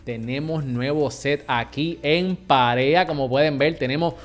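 A man with a Puerto Rican accent hosting a podcast, talking to his listeners in an upbeat, energetic way. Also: a little high, a little slow, faint music behind. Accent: Puerto Rican Spanish. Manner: upbeat, addresses listeners as "mi gente". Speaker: podcast host. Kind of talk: energetic podcast intro and interview.

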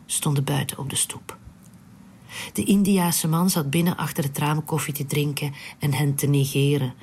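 A narrator reading a literary story aloud in a hushed, unvoiced whisper, in a whispered storytelling style. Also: mid-range voice, slight background noise.

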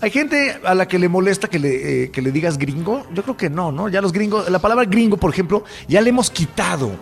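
A man's voice: sits high, expressive, fairly quick, gravelly. A man with a Mexican accent co-hosting a casual debate chat, blunt and joking with plenty of slang. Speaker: podcast co-host.

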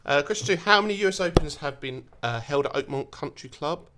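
A man's voice: on the high side, lively intonation, fairly quick, heavy background noise. A man with an Essex accent, chatting casually and jokily as he hosts a podcast quiz. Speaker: quiz host.

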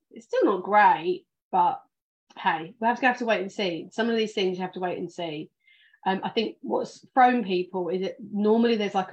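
Sleepy, chatty British woman with a southern English accent, podcast host, slightly muffled. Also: mid-range voice. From England. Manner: chatty, rambling with many ums and restarts. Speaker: podcast host, financial planner. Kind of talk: casual livestream chat.

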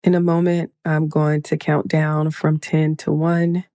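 A woman leading a guided meditation in a slow, soothing, hushed manner, counting breaths and counting down. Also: low voice, flat delivery, dry recording, studio quality.

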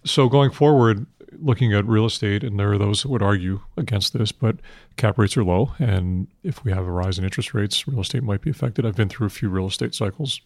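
An older man answering interview questions on finance in a measured, matter-of-fact investment banker manner, heavy with industry jargon. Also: fairly low pitch, a little mellow, no room sound. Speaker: institutional investment manager being interviewed.

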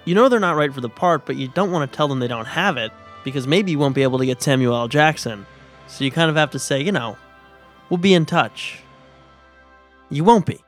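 A male podcast host with a mid-pitched voice delivers his scripted lines in a dry, wry way. Faint music plays underneath him. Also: fast, fairly bright tone.

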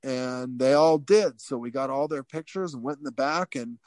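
A man as an interview guest telling a story casually, animated and profane, with many fillers and restarts. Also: mid-range voice, normal speed, no room sound.

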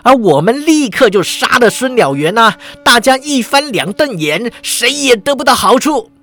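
High-pitched villain, shouting threats, bullying, man putting it on. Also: very animated, normal speed, heavily acted. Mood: threatening. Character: brash male villain, loud and threatening.

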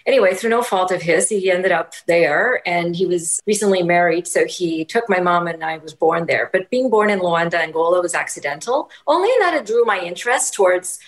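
A woman from Portugal, a guest telling stories from her life in a lively, animated way. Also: lowish voice, a little fast, hardly any pauses, rough recording. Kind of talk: casual interview.

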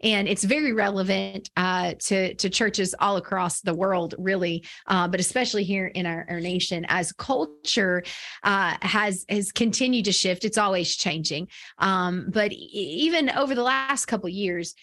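A woman's voice: mid-range voice, a little slow, fairly bright tone. Upbeat woman podcast co-host. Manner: upbeat, interviewer framing questions, many fillers. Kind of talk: casual podcast conversation.

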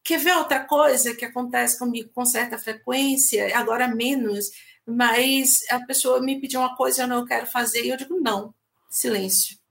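A woman speaks in a notably high voice. She makes firm, blunt, emphatic points in a casual group discussion. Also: steady tone, moderate pace, creaky, a bit bright. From Northeastern Brazil. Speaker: discussion panelist.

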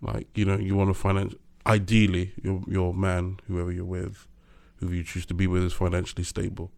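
A man co-hosting a casual chat, animated, laughing often, pressing his points with a preacher's emphasis. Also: deep voice, fairly quick, gravelly.

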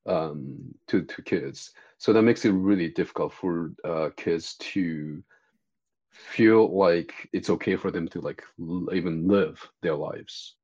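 A man's voice: low voice, animated, slow, creaky, darkish tone, highs cut off. A man from Japan with a Japanese accent, a guest therapist answering interview questions hesitantly, with many fillers and restarts.

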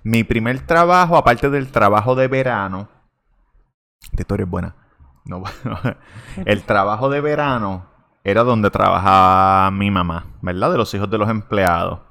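A man's voice: fairly low pitch, gravelly, bright, forceful tone. A man with a Puerto Rican accent, a podcast co-host, telling a story about his first job in casual chat. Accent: Puerto Rican Spanish. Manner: joking, quick interjections.

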